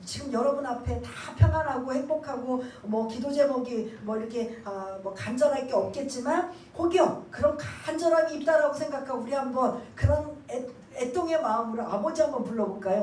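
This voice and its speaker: A woman pastor giving a sermon. She asks the congregation questions and waits for their answers, and drops to a hushed voice when she acts out a prayer. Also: high voice, a little fast, slight background noise. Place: church sanctuary. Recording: echoey church room, mic at a distance.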